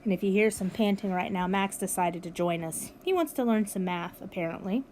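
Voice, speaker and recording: A woman's voice: medium pitch, a little fast, darkish tone, slight background noise. A woman teacher recording a math lesson for her students, upbeat and encouraging as she walks them through each step. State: has the hiccups. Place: at home with her dog nearby.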